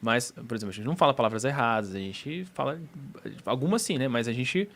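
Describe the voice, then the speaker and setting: A man's voice: medium pitch, expressive, a little fast, fairly bright tone. Man explaining points in a podcast. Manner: explains in enumerated lists. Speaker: podcast panelist. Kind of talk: casual podcast discussion.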